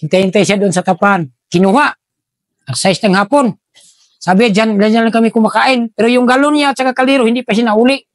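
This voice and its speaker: A middle-aged man tells war stories in an animated way and acts out the voices of the people he quotes. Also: high voice, fairly quick, dry recording. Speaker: retired army officer telling war stories. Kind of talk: storytelling, acting out dialogue.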